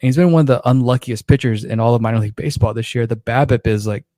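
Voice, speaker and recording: Guy on a podcast, kinda out of breath, rambly, warm dark tone, dead dry closet sound. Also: medium pitch, very fast, no echo. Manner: rambling, many restarts. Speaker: podcast co-host. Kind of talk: casual chat. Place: small closet.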